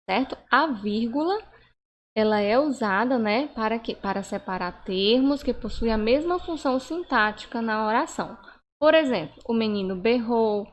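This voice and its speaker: A woman's voice: on the high side, slight background noise. Brazilian woman teaching an online lesson. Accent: Brazilian Portuguese. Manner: explanatory, frequent tag questions.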